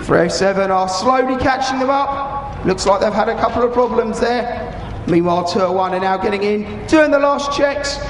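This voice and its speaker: A British man in his thirties with a voice that sits high speaks at a normal speed, giving live, informal, explanatory commentary at a military display. It comes through an echoey arena PA with the crowd and other noise audible.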